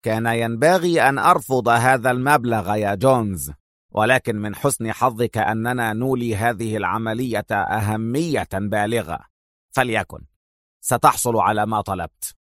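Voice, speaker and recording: A cold crime boss, as a storyteller puts him on, low, slow and unhurried. He talks with quiet contempt in a dry, close recording. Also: no room sound, close to an everyday voice.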